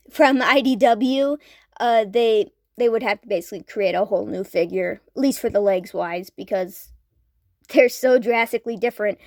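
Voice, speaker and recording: A woman's voice: on the high side, a little mellow, no room sound, studio quality. Eager, rambling woman reviewing toys. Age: 30s. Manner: eager, rambling with many fillers and restarts. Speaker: toy reviewer. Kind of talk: casual toy review.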